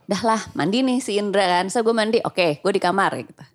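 A woman casually telling a spooky story, acting out the quoted lines with big jumps in pitch. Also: fairly quick. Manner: animated, acts out quotes with big pitch jumps, laughs often. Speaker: storyteller guest.

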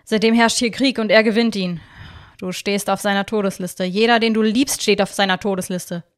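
A woman's voice: mid-range voice, fairly even intonation, normal speed, close to an everyday voice. Woman reading a cold, firm man giving warnings. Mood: urgent.

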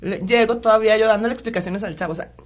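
A woman's voice: mid-range voice, very fast. A woman with a Mexican accent telling a personal story in casual conversation, animatedly acting out what others said. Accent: Mexican Spanish. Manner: animated retelling, acting out quotes, many fillers.

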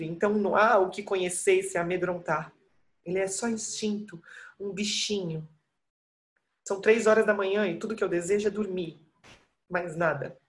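A woman performing a monologue as an exhausted new mother, speaking in weary, halting, intimate phrases. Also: lowish voice. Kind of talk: theatrical monologue.

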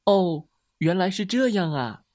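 A man voicing a kind, gentle little turtle in a children's story. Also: high-pitched, lively intonation, a little slow, no room sound, studio quality, voice pushed up. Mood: kindly. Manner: gentle, kindly. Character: warm kindly little turtle.

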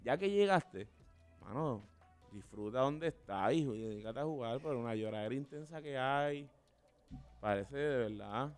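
A man trades heated sports banter as a podcast guest. His voice sits at a middle pitch and sounds clean and resonant. He keeps teasing and repeating himself to drive his point home. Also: animated, normal speed, soft background music.

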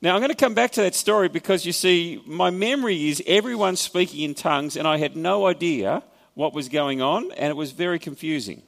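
In a church hall, an Australian-accented pastor preaches a sermon, explaining scripture conversationally and adding wry asides. His voice is a little high and brisk, with vocal fry and a long reverb tail.

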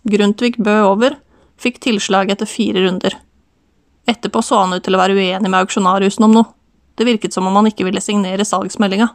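A woman narrating an audiobook in steady, even storytelling. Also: medium pitch, dry recording. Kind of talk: scripted narration.

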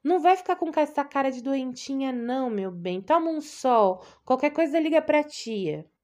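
A woman voicing a fussy, doting and bossy older aunt on a phone call, talking in a high, gushing voice full of endearments and scolding. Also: expressive, normal speed, a little mellow.

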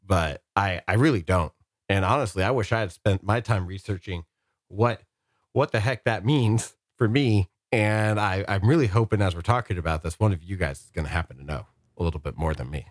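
A man's voice: deep voice, a little fast, no room sound, clean studio sound. A man co-hosting a casual podcast, explaining things in a wordy way and rephrasing as he goes. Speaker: podcast co-host.

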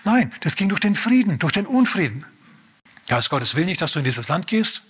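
A man's voice: sits high, very animated, moderate pace, a bit bright, breathy edge. A male pastor preaching a sermon, retelling stories vividly with emphatic repetition and calls for amen.

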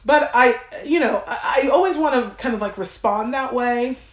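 A woman hosting a podcast, telling a personal story in a casual, animated way, swearing freely and acting out what she and others said. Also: fairly high pitch, moderate pace. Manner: profane, animated, quoting herself and others. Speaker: podcast host. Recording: roomy echo.

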